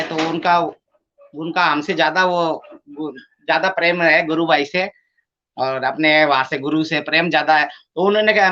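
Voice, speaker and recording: A man's voice: sits high, bright, forceful tone, dull audio. A man enthusiastically telling of a group meditation, often repeating his phrases. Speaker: guest devotee. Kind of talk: spiritual testimony, casual.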